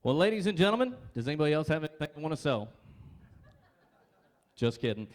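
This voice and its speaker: Male event emcee, lively announcer voice, slightly high. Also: quick pace.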